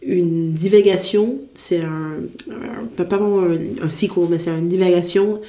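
A woman's voice: fairly low pitch, steady tone, measured pace, warm tone, reverberant. A woman chatting casually and enthusiastically, stumbling and restarting often. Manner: enthusiastic, frequent restarts and stammers. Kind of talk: casual chat.

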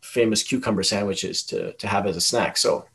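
A man from Tanzania, a guest on a podcast, talks about himself in an earnest, thoughtful way with some halting restarts. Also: lowish voice, vocal fry, a bit bright, husky. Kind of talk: reflective conversation.

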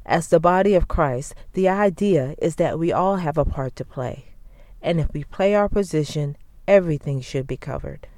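Mellow, measured devotional podcast host. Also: medium pitch, dry recording. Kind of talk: devotional scripture reading and commentary.

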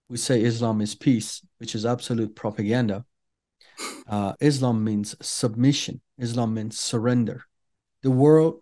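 Speaking in a warm, medium-pitched voice, a middle-aged Iranian man whose first language is Farsi gives an earnest personal testimony during an interview. His delivery is deliberate and full of pauses and fillers.

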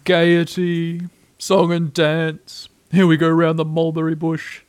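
A man voicing a gloomy, self-pitying old grey donkey from a children's storybook, drawling slowly and sarcastically. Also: fairly high pitch, completely flat delivery, clean tone, pitched above the performer's own voice. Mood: gloomy, resigned. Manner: gloomy, slow, drawn-out, sarcastic.

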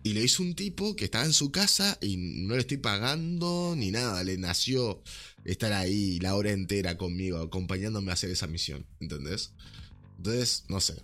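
A man's voice: fairly low pitch, animated, normal speed, a bit bright, soft background music. A young man with a Rioplatense Spanish accent, ranting animatedly in a casual podcast chat, full of slang. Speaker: podcast host.

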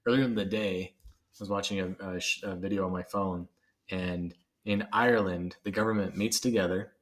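A man's voice: low-pitched, steady tone, moderate pace. A man co-hosting a casual podcast, rambling, trailing off and laughing often. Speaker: podcast co-host. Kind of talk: casual chat.

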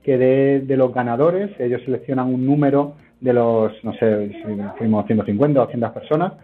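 Heard over a narrow phone connection, a man from Spain, appearing as a guest entrepreneur, responds to interview questions at a moderate pace and medium pitch. His conversational answers ramble and are full of hesitations.

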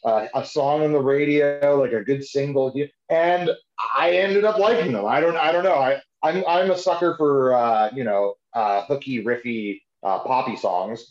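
A man co-hosts a podcast in a loose, informal chat about music, talking as if to a pal. His voice sits at a middling pitch. The sound is echoey and slightly dull. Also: normal speed. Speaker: podcast co-host.

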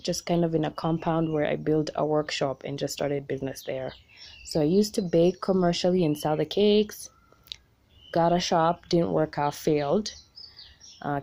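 This Kenyan-born podcast host, who also runs a small business, chats solo in a relaxed, unscripted style. She speaks with an American accent acquired in Ohio, and her voice leans a bit low with a darkish tone.

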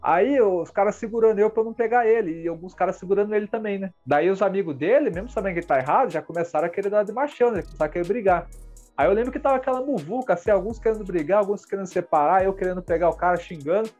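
Young brazilian guy, high voice, slangy football story chat, faint music. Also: rapid-fire. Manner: animated, slangy, lots of "mano". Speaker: podcast co-host. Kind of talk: casual storytelling.

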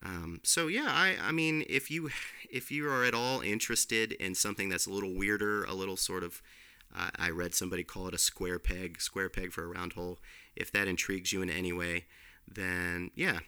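A man co-hosts a casual film podcast, rambling with fillers and restarts. His voice is bright and crisp, and sits a bit low. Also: moderate pace. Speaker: podcast co-host, film reviewer. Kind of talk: casual film review chat.

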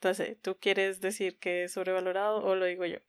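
A woman's voice: medium pitch, normal speed, a bit bright, smooth, no room sound, clean studio sound. A woman co-hosting a podcast in casual chat, giggly and informal, often poking fun at herself. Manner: giggly, frequently laughing. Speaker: podcast co-host.

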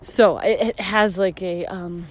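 She's in her thirties, hosting her podcast alone as she walks down a street, talking slowly in a steady tone. Fatigue makes her voice somewhat deep and husky, and her reflections meander with many fillers.

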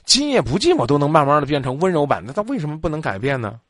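Rapid-fire and fairly high in pitch, this male host of a call-in advice show on radio scolds his caller with blunt, lively talk, acting out quotes. The studio-quality recording has no echo.

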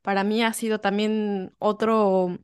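A woman's voice: mid-range voice, flat delivery, measured pace, clean tone, dry recording, clean studio sound. A woman hosting a casual podcast conversation, chatty and often searching for her words. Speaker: podcast host.

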